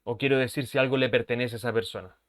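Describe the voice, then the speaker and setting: A man's voice: mid-range voice, fairly even intonation, racing. A man, an English teacher who explains patiently, repeats his points and keeps checking that his students follow. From Chile. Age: 30s. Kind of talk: language lesson explanation.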